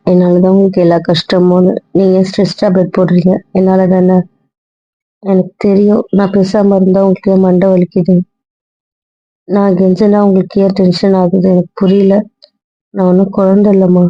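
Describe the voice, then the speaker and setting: A woman's voice: medium pitch, no echo, lightly acted. Young woman as guilt-ridden, pleading wife, dry, muffled lo-fi audio-drama role-play. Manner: pleading, repeating apologies. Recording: dull lo-fi recording, dry.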